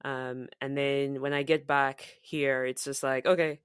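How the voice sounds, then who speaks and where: A woman originally from Zambia, whose accent has softened over years in the US and UK, co-hosts a podcast with a very deep, clear, resonant voice. She speaks a little slowly with a flat delivery, chatting reflectively with frequent fillers and restarts. The studio-quality recording has no room sound.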